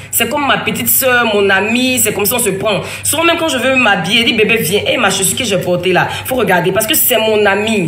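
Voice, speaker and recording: In an echoey room with faint background noise, a mother with a mid-range, slightly bright voice tells a family story as casual spoken testimony. She rambles emphatically, restarts often, and acts out other people's lines as quoted dialogue.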